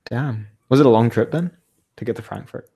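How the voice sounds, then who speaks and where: A man's voice: mid-range voice, moderate pace, dark tone, slightly rough. A young man chatting casually on a podcast, rambling and laughing at himself. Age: young adult. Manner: chatty, self-deprecating, laughs often. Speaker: podcast co-host. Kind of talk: casual chat.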